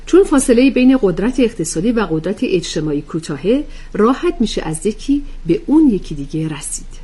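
A woman's voice: mid-range voice, very animated, dark tone, husky, pitched above the performer's own voice. A woman voicing an earnest woman who explains things patiently to her friends. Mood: explaining. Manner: explanatory, lecturing.

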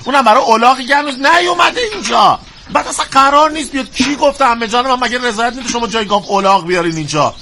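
A fussy, high-voiced barn keeper. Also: male voice, animated, hardly any pauses, bright, forceful tone, a little hiss or hum. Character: fussy, excitable man running a cow barn. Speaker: comic character tending a cow. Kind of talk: sitcom acting. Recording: music underneath the voice. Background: music.

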